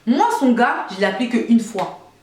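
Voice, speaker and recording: A young woman from Côte d'Ivoire, telling a story to her viewers in an animated, emphatic way. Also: a little high, normal speed, echoey room. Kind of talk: casual storytime monologue.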